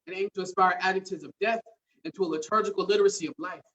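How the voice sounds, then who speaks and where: Dude reciting slam poetry at open mic, kinda high voice, measured n emphatic, mic sounds far off. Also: male voice, steady tone, fairly bright tone, dull audio. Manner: measured, emphatic, wordplay-driven delivery. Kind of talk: spoken word poetry performance. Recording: distant mic at live event.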